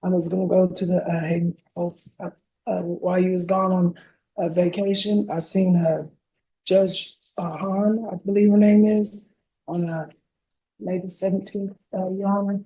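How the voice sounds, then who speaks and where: A woman with a hoarse, sore throat, answering as a defendant in court, halting and stumbling over her words with many fillers. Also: fairly low pitch, little pitch movement, warm tone, low-quality recording. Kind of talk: courtroom testimony.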